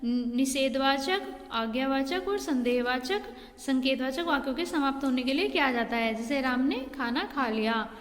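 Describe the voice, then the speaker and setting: A woman's voice: high-pitched, animated, normal speed. A woman schoolteacher giving a patient Hindi grammar lesson to young pupils, checking in often and calling them "beta". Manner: patient, repeats "ठीक है" and "बेटा" to pupils. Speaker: school teacher. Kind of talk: online Hindi class lesson. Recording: long hall reverb.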